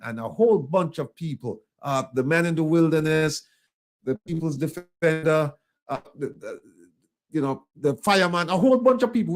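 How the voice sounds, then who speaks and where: A Jamaican man hosts an interview in a slightly raised pitch. He asks his questions earnestly, piling up "you know" and restarting his sentences. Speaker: talk show host.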